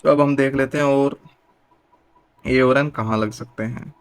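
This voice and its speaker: A young man gives a patient, steady grammar lesson. He keeps putting questions to his students and then answering them himself. His voice sits at an ordinary middle pitch. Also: unhurried, smooth. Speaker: teacher.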